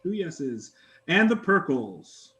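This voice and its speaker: A man with a slightly raised voice chairs a members' meeting over a video call. He moves through motions and votes briskly and politely, thanking each speaker. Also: on the high side, big pitch swings, a bit bright, a little hiss or hum.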